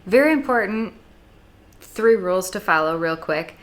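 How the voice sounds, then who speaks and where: A woman's voice: mid-range voice, animated, moderate pace. A young adult woman from the United States giving blunt, sarcastic advice in a casual vlog monologue, with dramatic asides. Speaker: YouTube vlogger.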